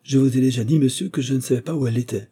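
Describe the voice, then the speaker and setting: A man's voice: medium pitch, rapid-fire, dark tone, breathy edge, pitched above the performer's own voice, lightly acted. A man reading an audiobook, voicing a scornful young female courtesan who turns frightened under questioning, in a raised voice. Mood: stammering. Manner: mocking, then stammering.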